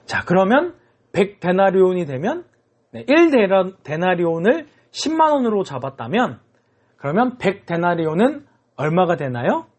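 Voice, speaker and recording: A husky, high-pitched man preaches to a children's group, his voice swinging up and down as he tells a story. He keeps stopping to check in with the kids, keeping the talk animated and interactive. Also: normal speed.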